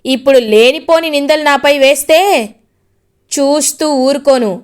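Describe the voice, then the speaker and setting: A woman's voice: sits high, fairly even intonation, normal speed, close to an everyday voice. A woman voicing a defiant young man who taunts and insists he is right.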